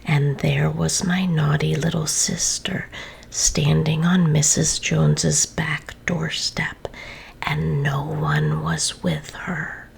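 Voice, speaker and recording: A woman whispers a children's story softly and slowly, lingering on each phrase, yet her reading stays animated. Her low voice has a strong gravelly texture, with a faint hiss of background noise.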